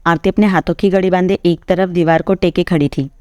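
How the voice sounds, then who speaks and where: A woman narrating a dramatic audio story in an even, measured storytelling manner. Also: lowish voice, no room sound, clean studio sound. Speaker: narrator and writer.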